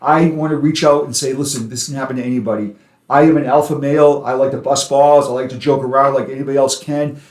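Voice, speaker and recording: A man's voice: medium pitch, steady tone, fast, darkish tone, roomy sound. A man with a Boston accent speaking as a guest in a casual interview, emphatic and often repeating words for stress. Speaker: guest speaker on officer suicide.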